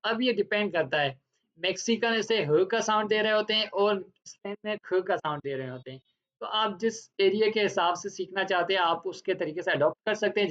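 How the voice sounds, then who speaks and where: A woman teaching the alphabet in a language lesson. She speaks slowly and deliberately, spelling words out letter by letter, repeating each one and then giving its meaning. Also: on the low side. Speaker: Spanish teacher. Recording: dull lo-fi recording.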